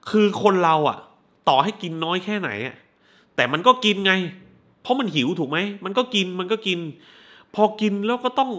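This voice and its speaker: A man doing a casual spoiler recap of a movie, crude and animated, who swears freely. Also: sits high, moderate pace.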